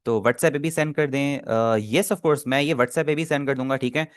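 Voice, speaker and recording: A man's voice: mid-range voice, normal speed, no room sound, clean studio sound. A man teaching an online class, explaining step by step and often checking that students follow. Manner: explains patiently, often asks "theek hai?" to check.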